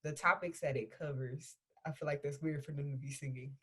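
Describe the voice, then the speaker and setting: A speaker on a casual podcast, hesitant and trailing off quietly. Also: medium pitch, fairly even intonation, fairly quick, breathy edge. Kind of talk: casual chat.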